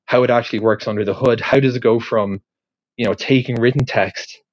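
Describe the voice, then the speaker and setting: This podcast host from Ireland has a mid-range, steady voice and a brisk delivery as he loosely works through a question, filler words and restarts everywhere. The audio is muffled with no room sound, the feel of a casual spoken monologue.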